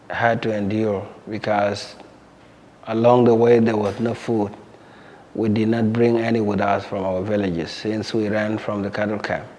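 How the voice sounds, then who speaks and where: Young man, low register, measured testimony in a reverberant space. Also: darkish tone. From South Sudan. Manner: measured, plain-spoken, often pauses and repeats words. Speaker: interviewee. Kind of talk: recounting his life story. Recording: long hall reverb.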